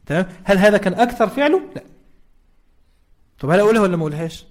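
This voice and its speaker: A man's voice: high-pitched, sing-song, racing, a little mellow. A man with an Egyptian accent giving a conversational Quran lesson and checking in with his listeners through rhetorical questions. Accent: Egyptian Arabic. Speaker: religious teacher.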